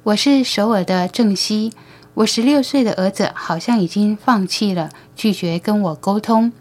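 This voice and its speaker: A downcast mother in her thirties tells of her troubled son, as read by a woman narrator. Her words come low and sad in an audiobook reading. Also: moderate pace, darkish tone, close to an everyday voice. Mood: dejected.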